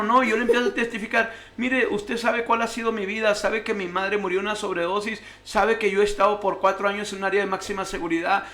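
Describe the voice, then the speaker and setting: Guy on a radio show telling his testimony, high voice, does the other people's voices. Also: fairly bright tone. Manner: storytelling, acting out voices of others in his story. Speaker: guest sharing testimony. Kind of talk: emotional personal testimony.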